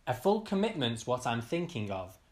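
A man's voice: mid-range voice, sing-song, normal speed. A man hosting a casual quiz, reading each question out and repeating it. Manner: upbeat, reads questions twice. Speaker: quiz host.

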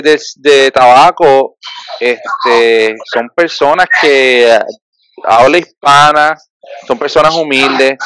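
A man's voice: medium pitch, background noise. A man with a Puerto Rican Spanish accent hosting a podcast, speaking passionately and colloquially. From Puerto Rico. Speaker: podcast host. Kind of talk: podcast conversation.

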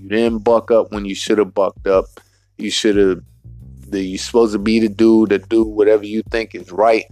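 A man hosting a solo podcast rant, profane and emphatic, in street slang, repeating his points and spelling words out slowly. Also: fairly low pitch. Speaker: podcast host.

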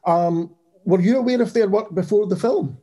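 A man's voice: high-pitched, moderate pace, warm tone. A man hosting a podcast, interviewing a guest in a friendly, enthusiastic way. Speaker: podcast host.

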